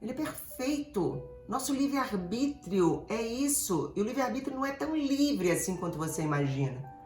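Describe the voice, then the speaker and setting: A Brazilian woman therapist giving an animated, digressive motivational talk, speaking straight to her listeners. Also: fairly high pitch, normal speed, echoey room, soft background music. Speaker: emotional therapist.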